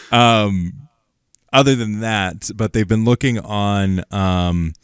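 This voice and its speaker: Male podcast co-host, very deep voice, dry close sound, laid-back and halting. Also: clean tone, no echo. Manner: relaxed, hesitant, many ums and laughs. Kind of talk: casual chat.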